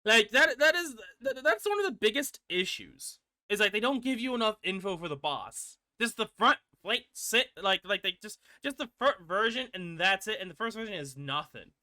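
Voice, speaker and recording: A man's voice: sits high, very animated, normal speed, few pauses, bright, forceful tone, no echo, studio quality. A man hosting a gaming channel, giving casual rambling commentary with frequent restarts and casual swearing.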